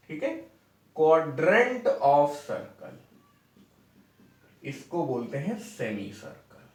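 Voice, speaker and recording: A man's voice: a little high, distant mic. A young adult man teaching maths, explaining step by step and checking in with his students. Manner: explains step by step, asks "ठीक है?" often. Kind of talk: classroom lecture at a board. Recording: echoey room, mic away from speaker.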